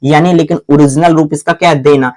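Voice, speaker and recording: A man with a fairly high voice teaches grammar in a drilling, repetitive classroom manner. He keeps asking the same question and answering it himself, and he often calls the listener "my brother." He also spells words out letter by letter at a slow pace. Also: fairly even intonation, darkish tone. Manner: repetitive call-and-response questioning, answers his own questions; addresses the viewer as "my brother". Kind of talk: classroom-style grammar lesson.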